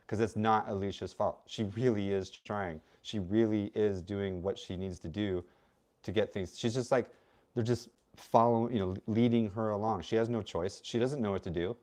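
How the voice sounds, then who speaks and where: Blunt, outspoken man with a low voice. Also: fairly even intonation, normal speed, a little mellow. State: has the hiccups. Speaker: co-host. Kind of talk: casual livestream chat.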